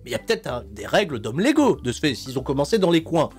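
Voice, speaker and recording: A man talks through a wrestling recap in a loose, sarcastic way. His voice sits a bit high for a man and swings widely in pitch as he jokes. Faint music plays under him. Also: fast. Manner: animated and sarcastic, quoting wrestlers with put-on lines. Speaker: wrestling show recap host. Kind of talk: casual comedic recap commentary.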